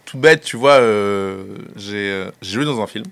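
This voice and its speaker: A male guest recounts a story in a casual interview. He hesitates and fills gaps with small sounds and laughter. His voice sits somewhat low. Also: measured pace, no room sound. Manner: hesitant, laughs, many fillers. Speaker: guest filmmaker.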